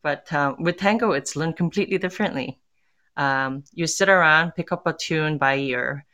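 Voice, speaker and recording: A woman's voice: low-pitched, moderate pace, sharp tone, lo-fi sound. Thoughtful Korean-born woman musician interviewed. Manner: thoughtful, many fillers and restarts. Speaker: interviewee, tango bandoneon musician. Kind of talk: casual interview conversation.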